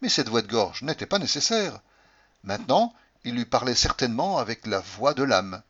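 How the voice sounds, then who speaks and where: A man giving an expressive audiobook reading of a first-person novel, dramatic and moving between hushed and raised tones, with a husky voice. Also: medium pitch, moderate pace. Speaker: audiobook narrator. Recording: dull lo-fi recording.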